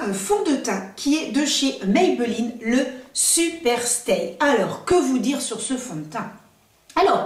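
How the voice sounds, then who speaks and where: A woman chatting casually to camera as a beauty vlogger, enthusiastic and full of asides and fillers. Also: high-pitched. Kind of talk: casual product review to camera. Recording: echoey room, voice a bit far from mic.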